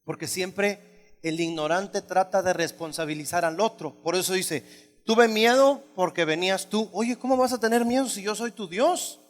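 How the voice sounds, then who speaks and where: High-voiced pastor in a reverberant hall. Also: male voice, moderate pace. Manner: emphatic, shifts from loud high exclamations to low asides; conversational, asks the congregation questions. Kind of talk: sermon. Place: church hall.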